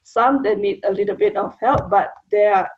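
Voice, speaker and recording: In dull-sounding audio, a young woman with a Malaysian accent answers casual interview questions about her job as an early childhood educator. She is from Malaysia and her first language is Mandarin. Her medium-pitched voice has a breathy edge and a moderate pace, and her talk is plain and chatty with brief restarts.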